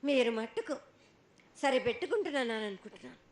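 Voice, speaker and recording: A woman with a Telangana Telugu accent speaking as an oracle in a prophetic trance voice, pronouncing as an angry mother goddess in halting, repetitive phrases. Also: high voice, expressive. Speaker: oracle at a temple festival. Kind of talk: oracular pronouncement. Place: festival ritual before an audience. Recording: echoey live festival sound.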